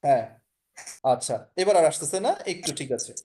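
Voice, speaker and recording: This man's fairly high, expressive voice is mellow and runs a little fast as he leads an online language class by video call. He has a Bangladeshi Bengali accent, explains with patience, goes over points again, and keeps making sure his students follow.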